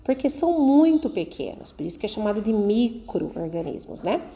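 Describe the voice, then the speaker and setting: A woman's voice: mid-range voice, sing-song, moderate pace, warm tone, slight background noise. A woman, a schoolteacher recording a video lesson for children and explaining patiently step by step, checking in often with her pupils.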